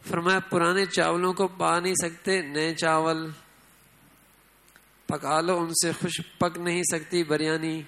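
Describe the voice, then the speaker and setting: A man's voice: fairly high pitch, little pitch movement, a bit bright, poor audio. A man preaching an Islamic sermon in a conversational way, often asking the listeners and acting out quoted lines with stress. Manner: conversational, asks the audience often.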